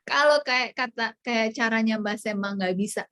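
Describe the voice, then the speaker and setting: A woman's voice: a little high, normal speed, a bit bright. A woman psychologist giving an online parenting workshop, explaining in a chatty way and acting out what a parent might say. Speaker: child psychologist speaker.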